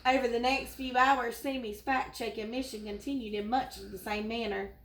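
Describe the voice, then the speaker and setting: Expressive woman reading a children's story. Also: on the high side, moderate pace. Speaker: teacher. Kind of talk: children's storybook read-aloud. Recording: roomy echo.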